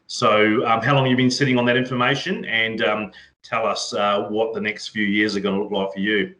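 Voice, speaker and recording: A man's voice: on the low side, level tone, fairly quick, bright, forceful tone, low-quality recording. A man interviewing a cyclist, asking long rambling questions full of "you know" and "um". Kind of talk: casual interview.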